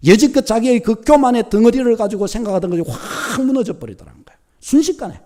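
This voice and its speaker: Animated pastor preaching. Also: male voice, very high-pitched, fast talker. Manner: animated storytelling, acting out quoted thoughts. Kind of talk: sermon.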